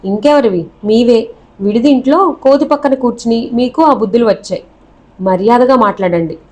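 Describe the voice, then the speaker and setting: A cocky young groom who brags and teases with a straight face, as a woman narrator puts him on. The voice sits fairly high, read aloud in an audiobook of a novel. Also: normal speed, natural voice. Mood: teasing. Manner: cocky, deadpan teasing. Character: proud boastful young man, the runaway groom.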